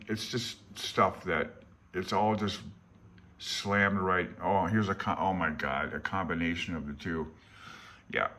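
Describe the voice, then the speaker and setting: A low-pitched man with a sharp tone talks through a handbook as he pages it. He's an amateur radio hobbyist and vlogger whose casual, rambling commentary stays plain-spoken and self-deprecating, offered from a hobbyist's view rather than an expert's.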